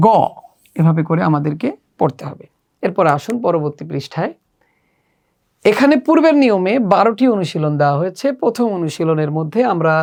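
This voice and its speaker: A woman with a Bangladeshi accent walks children through Arabic letters one at a time. Her voice sits a little low, and she draws out and repeats each sound so learners can copy it. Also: darkish tone. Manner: slow, drawn-out pronunciation drills, repeating letters. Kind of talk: step-by-step lesson.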